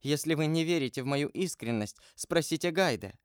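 A woman's voice: low-pitched, expressive, normal speed, no echo, studio quality, voice pushed up. A man reading an audiobook aloud and voicing an earnest, devoted young woman who pleads with feeling. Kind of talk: audiobook character voice.

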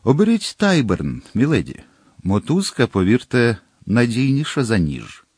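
A man's voice: medium pitch, huge pitch swings, unhurried, darkish tone, husky, no room sound, clean studio sound, exaggerated voice. A man voicing a stern, commanding middle-aged nobleman who warns and threatens firmly. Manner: stern, warning, firm.

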